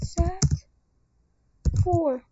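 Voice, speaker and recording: Excitable gamer, squeaky high voice, casual co-op commentary, muffled low-quality mic. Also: drawn-out words, noisy background. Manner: excitable, calls out to teammates. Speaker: gamer playing with friends. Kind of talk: casual let's-play commentary.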